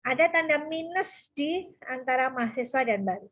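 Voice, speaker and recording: Husky high-voiced woman explaining patiently. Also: animated, normal speed, a bit bright. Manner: patient, repeats key terms with frequent "ya" checks. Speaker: lecturer. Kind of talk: explaining grammar to students.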